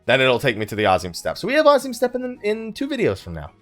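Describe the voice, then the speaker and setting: A fast-talking YouTuber runs a let's play, rambling casually and thinking aloud as he plays. His fairly high voice swings widely in pitch. There's soft background music.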